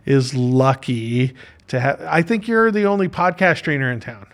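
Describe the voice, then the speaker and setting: A man's voice: mid-range voice, moderate pace. Chatty man hosting a podcast. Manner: chatty, jokey, informal. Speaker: podcast host. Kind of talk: casual interview chat. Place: podcast studio.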